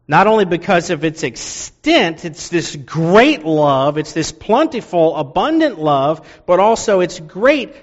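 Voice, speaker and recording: Slow, earnest man preaching in a hall. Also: fairly high pitch, dull audio. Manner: earnest expository preaching with emphatic repetition. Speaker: pastor. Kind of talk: sermon.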